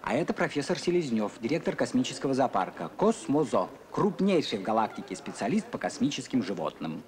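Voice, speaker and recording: An actor playing a courteous, eccentric elderly gentleman in a children's sci-fi film, formal and theatrically polite. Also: mid-range voice, sing-song, fairly quick, natural voice. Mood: courtly.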